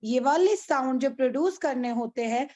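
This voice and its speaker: A woman's voice: high-pitched, animated, moderate pace, dark tone. A woman with an Indian accent teaching an online class over a video call, patient and repeating things, asking her pupils checking questions.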